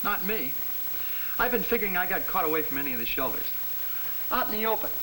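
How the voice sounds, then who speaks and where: An uneasy serviceman grumbles in a high, quick voice. It is 1950 training film acting, with a faint hiss on the old soundtrack. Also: animated, bright, forceful tone, low-quality recording. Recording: hissy vintage film soundtrack.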